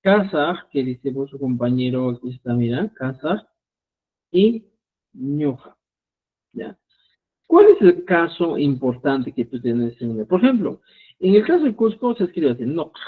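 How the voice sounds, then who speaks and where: A man's voice: medium pitch, big pitch swings, measured pace. A man teaching a language class online, explaining rules and often checking in with his students. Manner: instructive, keeps checking in with "¿ya?". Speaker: Quechua writing teacher. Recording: tinny phone-like online call audio.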